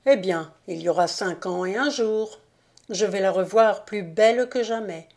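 An earnest young knight from an old fairy tale, read aloud by a woman. He speaks in slow, measured phrases, pressing for answers. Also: mid-range voice, a little mellow, close to an everyday voice. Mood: hopeful. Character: young male knight, eager and anxious.

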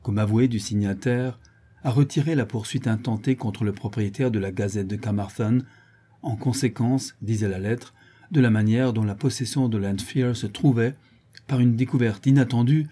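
A man narrating a classic novel for an audiobook in a measured, even reading. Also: mid-range voice, husky. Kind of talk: scripted literary narration.

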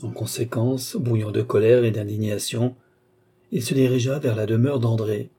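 A man narrating a classic novel as an audiobook in a measured, even storytelling manner. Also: mid-range voice, slightly rough. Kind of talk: scripted narration.

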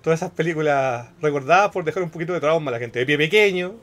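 A man's voice: on the high side, fast, a bit bright. A man in his thirties with a Chilean accent, hosting a casual podcast and explaining at length in a chatty, slangy way. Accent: Chilean Spanish. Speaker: podcast host.

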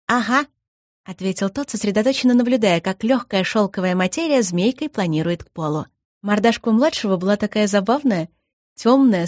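A woman narrating a fantasy story in the first person as an audiobook reader, in a lively, expressive way. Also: mid-range voice, dry recording, studio quality.

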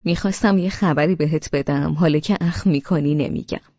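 A woman reading an audiobook and voicing a playful young husband who teases calmly. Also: low-pitched, no echo, lo-fi sound. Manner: playful teasing.

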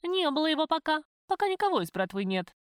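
A woman's voice: high-pitched, quick pace, no echo, clean studio sound, pitched above the performer's own voice. Woman doing a brash, chiding young waitress. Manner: lively, blunt, chiding. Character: brash streetwise young waitress, blunt and mocking. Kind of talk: audiobook character voice.

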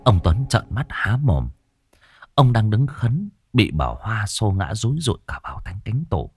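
A man narrating a ghost story in a slow, dramatic, suspenseful way. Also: on the low side, very animated, slightly rough, no echo. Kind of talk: scripted horror narration.

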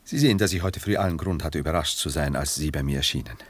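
In a 1960s German radio drama, a man plays a cultivated, coolly ironic gentleman who speaks with formal, measured and detached courtesy. His voice is a rumbling low, with no echo.

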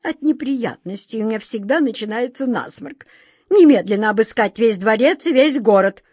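A woman's voice: fairly high pitch, animated, normal speed, darkish tone, slightly rough, dry recording, studio quality. A woman voicing a pompous, easily flustered old king who gives orders in a storybook reading. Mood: fretful. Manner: imperious, whiny, easily flustered. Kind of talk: storybook character voice.

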